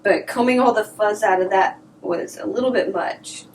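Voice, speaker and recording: A woman casually chatting and thinking aloud while she works on art in a vlog, sometimes dropping to a soft whisper, a little sniffly. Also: mid-range voice, moderate pace, distant mic, slight background noise, low-quality recording. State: sniffly from allergies. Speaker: artist vlogger. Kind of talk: casual crafting vlog chat. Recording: voice a little off-mic, faint music behind.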